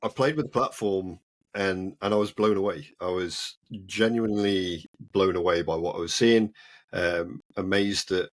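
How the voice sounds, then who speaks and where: A man who is the guest in an interview, explaining his work in a relaxed way. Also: low voice, moderate pace. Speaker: guest, cyber security researcher. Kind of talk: casual interview.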